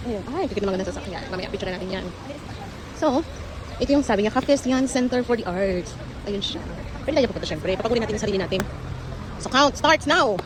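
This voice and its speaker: A woman vlogging on a climb up long outdoor stairs, chatty and animated, out of breath, mixing in English and laughing often. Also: medium pitch, fast talker. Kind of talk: casual travel vlog chat. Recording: outdoor phone audio with clear background noise.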